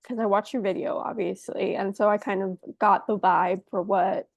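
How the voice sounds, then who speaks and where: A woman's voice: mid-range voice, steady tone, moderate pace, creaky, dry recording. An American woman guesting on a podcast, talkative and rambling in casual chat. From United States.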